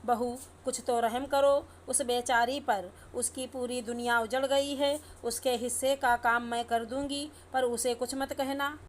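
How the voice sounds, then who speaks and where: A soft-hearted older mother-in-law, as a woman reading the tale puts her on, pleading gently in a storybook telling. The voice is slightly high and flat in tune. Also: measured pace, hardly any pauses, a little hiss or hum, close to an everyday voice.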